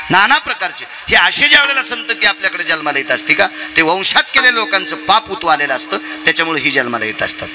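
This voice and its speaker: A man preaching a devotional kirtan sermon, telling stories dramatically, dropping to hushed lows and rising to loud high calls with call-and-response questions. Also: background noise. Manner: sings refrain lines in drawn-out chant.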